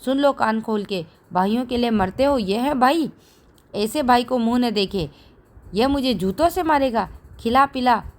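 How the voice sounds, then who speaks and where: A woman's voice: fairly high pitch, unhurried, natural voice. Woman reading a fierce scolding village wife. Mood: angry shouting. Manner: shouting, scolding, defiant. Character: fierce quarrelsome village wife, middle-aged.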